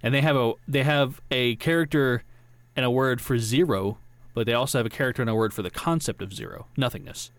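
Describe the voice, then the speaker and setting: A man's voice: mid-range voice, a little fast, no echo. A man chatting casually on a podcast, rambling through stories with frequent restarts and laughter. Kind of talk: casual chat.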